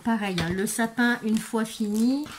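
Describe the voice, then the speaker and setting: A woman presenting craft supplies in a casual video, hesitant and full of fillers, murmuring softly while she handles things. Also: a little high, unhurried, slight background noise. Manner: hesitant, many fillers and restarts. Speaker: craft vlogger. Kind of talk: casual product show-and-tell.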